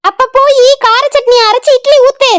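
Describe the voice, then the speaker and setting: A woman's voice: very high voice, fairly even intonation, normal speed, fairly bright tone, no echo, clean studio sound. Woman voicing a bossy scolding mother-in-law. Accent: southern Tamil Nadu. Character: bossy middle-aged mother-in-law, complaining. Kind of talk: cartoon voice acting.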